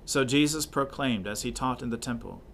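A man reading scripture and leading prayers at a church service in a measured, solemn cadence. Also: mid-range voice, gravelly, slight background noise. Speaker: scripture reader and officiant.

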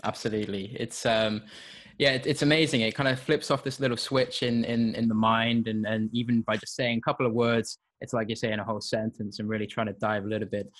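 A man's voice: lowish voice, flat delivery, fairly quick, fairly bright tone. A man hosts an interview podcast and asks his guest questions. He speaks in a thoughtful, hesitant way and leans on fillers as he searches for words. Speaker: podcast host.

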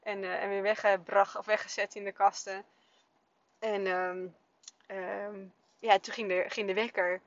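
A woman's voice: mid-range voice, level tone, a little slow, dry recording. Chatty mom-host in her thirties, casual podcast storyteller, lo-fi sound. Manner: chatty, warm storytelling with many fillers. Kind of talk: casual spoken podcast monologue. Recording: dull, dry lo-fi sound.

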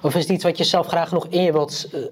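A man co-hosting a podcast, chatting casually with a lively, enthusiastic delivery and many restarts. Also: a little high, quick pace, husky. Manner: animated, enthusiastic, lots of restarts. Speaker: podcast co-host. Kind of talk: casual chat.

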